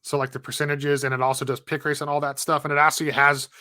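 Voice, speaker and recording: Bright, chatty podcast co-host man. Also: on the high side, fast talker, dry recording, studio quality. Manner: laughs easily, chatty and animated. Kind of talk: casual gaming podcast chat.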